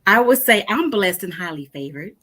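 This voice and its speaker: A woman's voice: medium pitch, animated, normal speed, fairly bright tone. A woman of fifty, a life coach, introduces herself confidently and emphatically in a casual chat. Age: 50s. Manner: confident, emphatic, self-assured.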